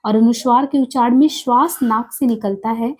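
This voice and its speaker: A woman teaching an exam-prep grammar lesson, explaining step by step and repeating each sound and letter slowly. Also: on the high side, steady tone, husky.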